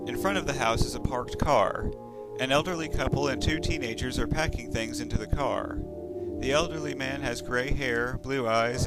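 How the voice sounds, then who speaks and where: Man reading horror over loud music. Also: medium pitch, low-quality recording. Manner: steady, descriptive narration. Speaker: narrator. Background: loud game music score.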